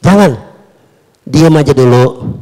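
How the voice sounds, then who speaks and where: A man voicing a stern ancient male sage who rebukes slowly in a low, commanding voice, in a reverberant hall. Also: mellow, close to an everyday voice.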